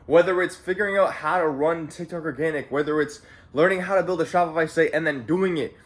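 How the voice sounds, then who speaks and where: His voice is a little high and a little fast. A young adult Canadian in his late teens, he vlogs at home, talking casually and profanely to camera in a motivational, rambling monologue peppered with repeated phrases and "bro."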